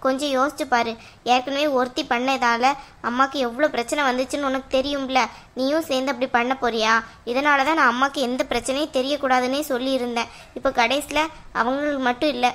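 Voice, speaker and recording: A woman's voice: high voice, a bit bright. A woman voicing a caring young cartoon woman who coaxes her sister to come and eat. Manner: coaxing, insistent. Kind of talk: cartoon voice acting.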